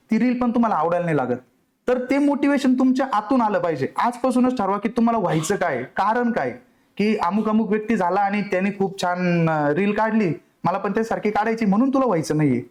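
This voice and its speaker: High-voiced man giving an earnest study talk. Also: a little mellow. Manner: earnest, conversational, asks the listeners rhetorical questions. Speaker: exam coaching mentor. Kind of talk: motivational classroom talk.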